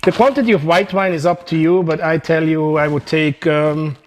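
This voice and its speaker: Swiss-accented male chef, slightly higher voice, chatty and joking, home kitchen demo. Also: moderate pace, slight background noise. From Switzerland. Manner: chatty, joking, relaxed instructions. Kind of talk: home cooking demonstration.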